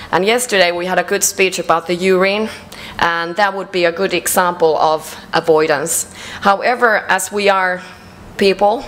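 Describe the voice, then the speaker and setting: A woman with a Finnish accent presents at a conference in a measured way, pausing often on fillers. Her voice sits a little low for a woman. A faint ambient hiss is heard behind her. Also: low-quality recording. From Finland. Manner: measured, with frequent hesitations and fillers. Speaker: conference speaker. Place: conference hall.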